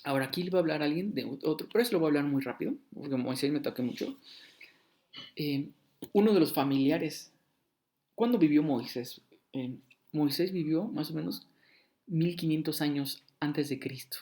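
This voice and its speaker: A man's voice: fairly high pitch, normal speed. A man giving a casual Bible teaching sermon, talking conversationally and acting out short dialogues. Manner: conversational, acts out short dialogues with shifting voice and loudness. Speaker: preacher.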